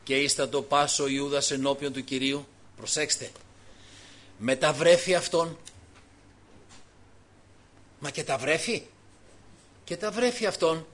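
A pastor delivers an impassioned sermon, moving between hushed, intimate passages and loud calls and saying alleluia often. His voice is fairly high, and he leaves long pauses.

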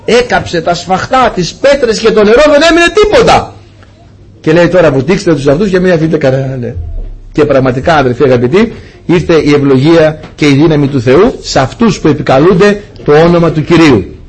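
A man preaching a sermon to his congregation, swinging between loud exclamations and hushed lines. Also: a little high, breathy edge.

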